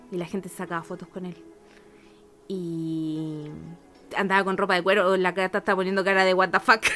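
A woman's voice: fairly low pitch, pushed and bright. A woman in her thirties with a Chilean accent, co-hosting a podcast in casual slangy chat and laughing often. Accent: Chilean Spanish. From Argentina, raised in Chile. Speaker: podcast co-host.

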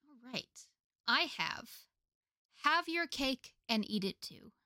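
A woman's voice: high-pitched, very animated, slow pace, bright, forceful tone, no room sound, clean studio sound. A young American woman co-hosting a casual podcast, chatting with many fillers and laughing often. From United States. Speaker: podcast co-host. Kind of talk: casual chat.

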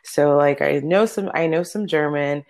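Casually recounting stories as an interview guest, this opera soloist in her thirties, whose native language is Spanish, speaks at a moderate pace. Her voice sits low with a slightly mellow quality.

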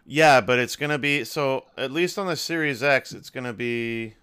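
A man hosts a casual podcast with a bright, crisp voice. He talks loosely, cracks jokes and swears freely. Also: mid-range voice, moderate pace. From Canada. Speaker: podcast host.

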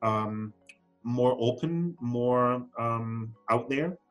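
Faint music plays behind a medium-pitched man who draws out his words. He's a fashion council chief executive in his forties, Scottish by birth and German by upbringing, and as a podcast guest he hesitates, filling his answers with ums and false starts.

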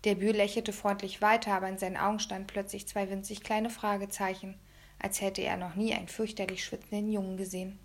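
A woman reading a first-person children's story aloud in a lively storytelling manner. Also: mid-range voice, brisk. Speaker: audiobook reader.

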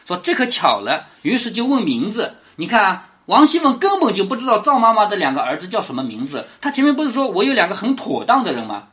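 A teacher explaining a classic novel in a casual lecture, retelling scenes in everyday words and often asking the listener to agree, with the voice dropping low and soft on those questions. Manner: animated storyteller, quick to rephrase in everyday words.

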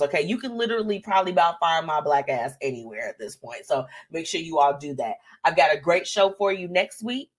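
A woman hosting a live online show in casual chat, encouraging and emphatic, often repeating words and phrases and checking in with little tags. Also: on the low side. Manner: conversational, often tags statements with "okay"; uplifting, encouraging.

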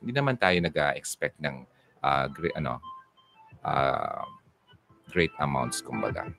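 A man's voice: a bass voice, a little slow, gravelly, soft background music. A man hosting a casual livestream, answering viewer comments and giving relationship advice in a chatty, teasing way. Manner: chatty, teasing, animated, switches into English.

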